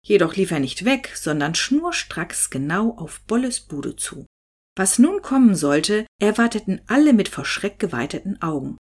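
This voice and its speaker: A woman reading a story aloud as the narrator, with lively storytelling. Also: mid-range voice, slightly rough. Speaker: audiobook narrator. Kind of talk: scripted narration.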